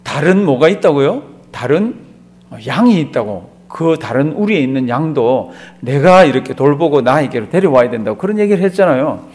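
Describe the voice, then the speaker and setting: A middle-aged man, a pastor teaching a Bible class, who tells the story in a lively way, acts out the quotes and quizzes his listeners. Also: on the high side, normal speed. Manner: drops to a quiet murmur at phrase ends. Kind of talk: sermon-style Bible lecture.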